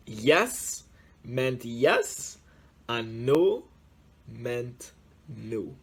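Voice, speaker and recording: A young man reading a children's story aloud as a guest reader, telling it in an animated way. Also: mid-range voice, breathy edge. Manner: animated storyteller, shouts character exclamations.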